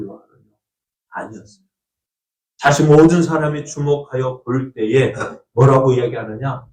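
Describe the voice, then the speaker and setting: A pastor with a fairly high, darkish voice preaches in a church sanctuary, telling a story, quizzing the congregation and performing the voices of the people in it. The recording is echoey, taken from a distant mic.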